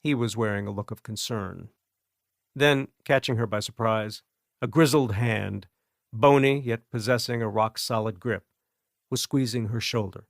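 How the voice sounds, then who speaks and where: Guy narrating an audiobook, steady and even, dry studio sound. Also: lowish voice, unhurried, creaky, no room sound. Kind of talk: scripted narration.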